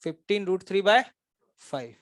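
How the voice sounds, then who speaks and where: A man's voice: sits high, normal speed, no echo. A male physics teacher giving a classroom lecture, quizzing and teasing his students and calling them brothers.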